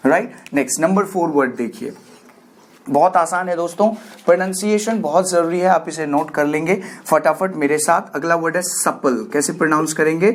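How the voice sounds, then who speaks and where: A man with an Indian accent teaching English vocabulary, dictating example sentences slowly and getting listeners to repeat words after him. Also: a little high. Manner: coaxes viewers to repeat words, praising them. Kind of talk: classroom-style vocabulary lesson.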